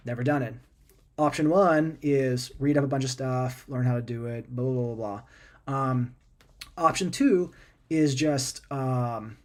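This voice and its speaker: A man talking casually about software and AI, conversational and full of fillers, repeating words and tossing in animated asides. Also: medium pitch. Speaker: product maker talking about AI and coding. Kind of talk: casual explanatory talk.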